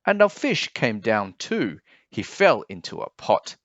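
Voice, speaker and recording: A man narrates a picture book for children in a highly animated read-aloud style. He takes his time, with deliberate pauses and big pitch sweeps. The recording is dry and somewhat muffled. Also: no room sound. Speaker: children's storybook reader.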